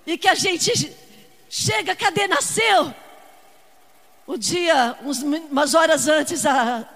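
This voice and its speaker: An older woman preaching a fervent sermon, shouting at times and breaking into speaking in tongues. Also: sits high, animated, slow pace, long reverb tail.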